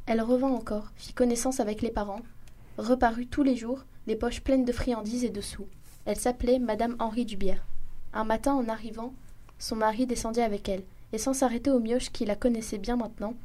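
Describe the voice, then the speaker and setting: A woman reading a classic short story aloud in a steady narrating voice, with small restarts. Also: fairly high pitch. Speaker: reader.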